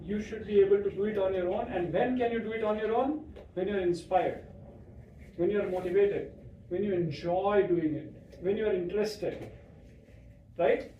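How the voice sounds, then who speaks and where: Animated man hosting a kids' class. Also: high-pitched, moderate pace, pauses often, dull audio, slight background noise. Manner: animated, many restarts and checks like right?. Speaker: host introducing a guest to kids. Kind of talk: casual talk to children. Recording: echoey room, far from mic.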